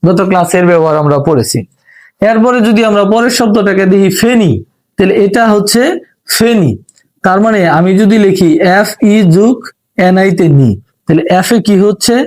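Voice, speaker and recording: Bangladeshi guy teaching reading, fairly high voice, slow and patient, spells everything out. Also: a little mellow. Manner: patient, repeats and spells out syllables slowly. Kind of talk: step-by-step spoken lesson.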